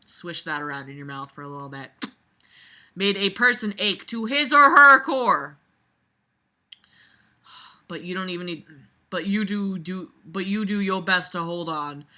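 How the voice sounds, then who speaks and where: This host has a lowish voice with a bright, forceful tone. She reads a book aloud and mocks it in casual, sarcastic commentary, sounding blunt and exasperated and swearing freely.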